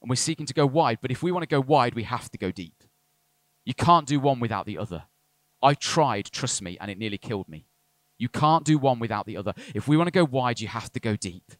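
A man's voice: medium pitch, lively intonation, a little fast, no room sound. A man preaching a sermon as a pastor, earnest with light asides to the congregation. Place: church service.

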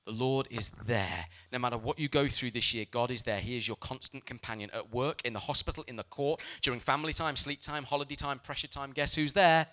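A man, a pastor, delivering a sermon in a bright, forceful voice. He preaches with emphasis and tells lively stories from his own life. His pitch sits in the middle of the male range. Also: brisk, few pauses. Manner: emphatic preaching, mixed with lively personal storytelling.

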